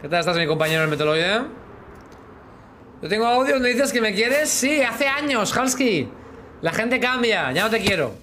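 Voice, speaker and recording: A man in his thirties with a Spanish accent from Spain hosts a live game stream, joking with viewers and humming sound effects as he plays. His high voice has a sharp tone, big pitch swings and a moderate pace. Slight background noise is audible from the small room where he wears a headset.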